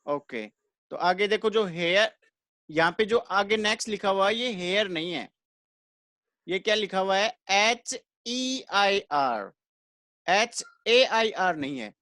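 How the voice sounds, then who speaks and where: A man's voice: high-pitched, a little slow, bright, forceful tone, no echo, studio quality. A man teaching English grammar to an online class, explaining step by step and answering his own questions. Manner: repeats questions to students and answers them himself.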